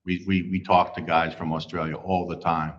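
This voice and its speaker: Middle-aged male host, deep voice, easygoing filler-heavy livestream talk, slightly muffled sound. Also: level tone, normal speed. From United States. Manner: rambling, many fillers and restarts. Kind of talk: casual livestream chat, reading viewer comments. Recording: slightly dull livestream audio.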